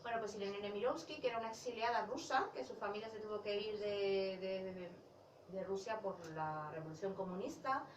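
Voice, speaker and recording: A woman's voice: mid-range voice, fairly quick, highs cut off. A woman talks casually about her novel at a bookshop presentation, often restarting and correcting herself. She sounds somewhat far the mic, with the room adding a noticeable echo. A faint hiss sits under her voice. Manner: chatty, self-correcting, laughs while talking. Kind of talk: casual book talk.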